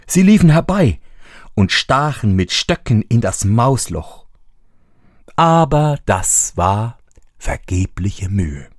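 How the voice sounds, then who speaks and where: A man reads a fairy tale aloud, taking his time over every phrase. His pitch rises and falls with great expression, and the recording is dry and close. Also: no echo. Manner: slow and very expressive. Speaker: narrator.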